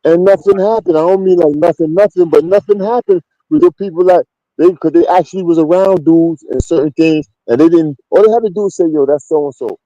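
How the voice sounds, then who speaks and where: A man's voice: a little high, a little fast, warm tone, dry recording, muffled recording. A man from Queens with a New York accent, telling street stories as a guest in a blunt, slangy, emphatic way. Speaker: interview guest. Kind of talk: casual street storytelling.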